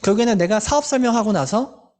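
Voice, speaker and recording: A woman's voice: on the high side, expressive, fast talker, darkish tone. A woman leading a motivational group meeting, emphatic and fond of repeated rhetorical questions, candid about her own past struggles. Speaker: sales team leader.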